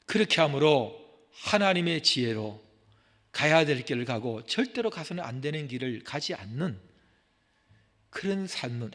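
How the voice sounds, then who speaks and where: Impassioned male pastor in a reverberant sanctuary. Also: a little high. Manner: swings from loud urgent exhortation to hushed, near-whispered pleading. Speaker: senior pastor. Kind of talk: sermon. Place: church sanctuary. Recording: long hall reverb from the sanctuary.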